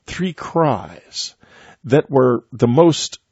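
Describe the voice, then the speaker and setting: An older man hosting a radio interview, telling a personal story in a reflective, halting way with many restarts. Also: medium pitch, expressive, gravelly, darkish tone, husky, dry recording. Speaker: radio host. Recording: dry, dull lo-fi sound.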